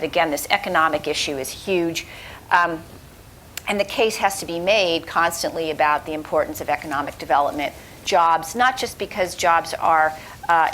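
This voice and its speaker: Low-voiced woman panelist, thoughtful. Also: a bit bright, a little hiss or hum, rough recording. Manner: thoughtful, hesitant with fillers. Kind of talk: panel discussion answer.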